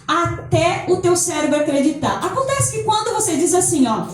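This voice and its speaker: A woman's voice: extremely high pitch, very animated, moderate pace. A woman giving a motivational talk, acting out inner voices and laughing often. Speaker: speaker at a holistic center. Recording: echoey hall from far off.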